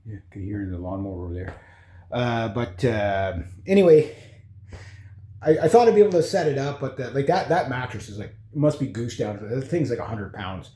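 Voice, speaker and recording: A man chatting casually and haltingly as he gives a rambling, informal house-tour vlog. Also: mid-range voice, mellow. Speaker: vlogger. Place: indoors in an old house room. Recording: echoey bare room.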